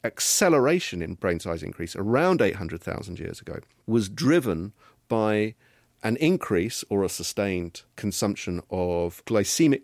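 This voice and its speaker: A middle-aged man, a genetics professor, answering interview questions in a measured, explanatory way. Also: on the low side, no echo, studio quality.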